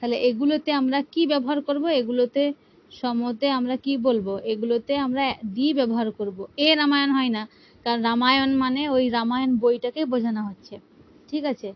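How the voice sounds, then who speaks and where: A woman with a fairly high, steady voice speaks fairly quickly as she teaches an English grammar lesson. She explains with patience, asks her students rhetorical questions, and often says "ঠিক আছে". The recording is muffled.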